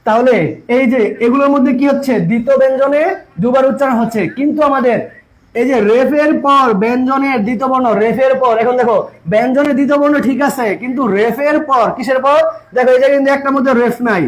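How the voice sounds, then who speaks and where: A man's voice: very high voice, steady tone, fast talker, poor audio. A male teacher giving an online exam-prep lesson, repeating points and asking his students rhetorical questions.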